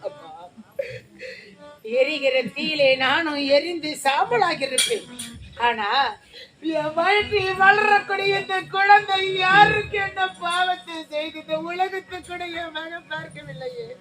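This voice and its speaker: A woman acting as a young pregnant maid pours out her grief in long, loud, wailing laments. Her voice is very high and piercing. Stage music plays clearly behind her in this folk drama. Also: steady tone, measured pace, exaggerated voice.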